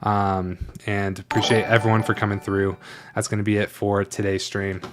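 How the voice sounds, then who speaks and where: A man co-hosting a livestream, chatting casually and pitching offers to viewers. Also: flat delivery, moderate pace. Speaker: livestream co-host.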